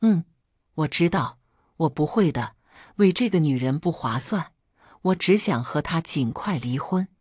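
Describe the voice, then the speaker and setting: A woman's voice: sits low, a little slow, slightly rough, no room sound, clean studio sound, full character voice. A woman voicing a weary middle-aged husband who speaks coldly, set on divorce. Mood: resigned. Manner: cold, flat-voiced.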